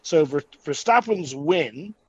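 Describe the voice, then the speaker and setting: A man's voice: on the high side, animated, slow, husky, muffled recording. A man co-hosting a sports show, talking through statistics in a casual, chatty way. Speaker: co-host presenting stats.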